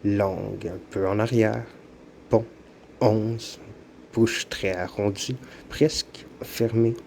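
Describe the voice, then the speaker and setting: Slow, mellow Quebec French man narrating. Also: fairly low pitch, steady tone, gravelly, slight background noise. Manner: slow, measured explanatory reading. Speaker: educational narrator. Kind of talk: scripted narration.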